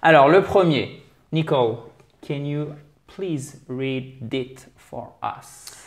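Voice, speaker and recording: A man's voice: mid-range voice, animated, takes it slowly. A man hosting a language lesson, chatty and encouraging as he explains pronunciation with energy. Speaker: language teacher and host. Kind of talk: lively video lesson.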